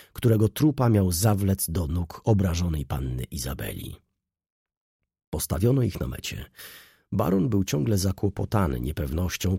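A man narrating a classic novel in an expressive, theatrical reading. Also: low voice, gravelly, breathy edge, no echo, clean studio sound. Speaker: audiobook narrator.

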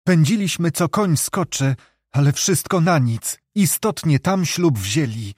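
Mężczyzna grający strwożoną młodą pannę. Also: male voice, fairly high pitch, lively intonation, measured pace, husky, dry recording, studio quality, voice pushed up. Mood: distressed. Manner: soft, anxious, pleading. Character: young gentle distressed woman, genteel.

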